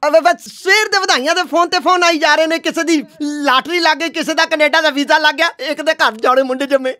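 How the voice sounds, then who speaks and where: An actor playing a cowardly comic sidekick to a fake holy man, who stammers when scared and brags loudly about miracles. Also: extremely high pitch, steady tone, quick pace, hardly any pauses. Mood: boastful. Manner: stammers when scared, loud and boastful on the phone. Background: film score music.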